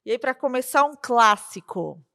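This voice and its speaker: A woman's voice: fairly high pitch, animated, normal speed, vocal fry, sharp tone. A woman hosting an interview, leading her guests through questions in a friendly manner. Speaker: host.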